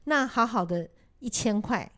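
Hosting her casual talk show, a counselor relates a story from her work, voicing the people involved and leaning on many fillers. Her voice is on the high side, expressive and fairly bright, and she takes an unhurried pace.

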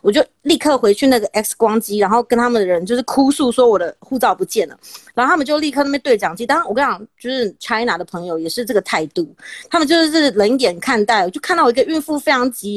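A woman's voice: fairly high pitch, no echo, clean studio sound. A woman in her thirties with a Taiwanese Mandarin accent, hosting a podcast and telling a dramatic story in casual chat. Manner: dramatic, animated storytelling with laughs. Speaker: podcast host.

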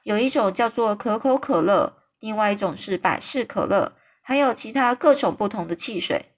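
A woman's voice: medium pitch, normal speed, lightly acted. A woman voicing a polite, curious little girl who asks eager questions.

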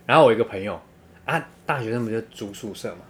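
A young man telling a crude story in casual chat, animated and laughing often. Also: on the low side, fast talker.

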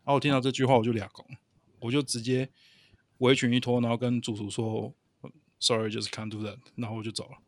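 A man's voice: mid-range voice, fast. A man chatting on a podcast, animatedly telling a story about a coworker. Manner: animated storyteller who swears when angry. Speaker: podcast co-host. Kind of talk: casual chat, storytelling.

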